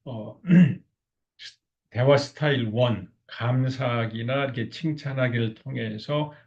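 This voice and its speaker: A man's voice: medium pitch, slow pace, darkish tone, lo-fi sound. A man lecturing on couples communication, often acting out spouses' lines and filling his talk with small fillers. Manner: acts out spouses' lines in quotes; frequent filler words.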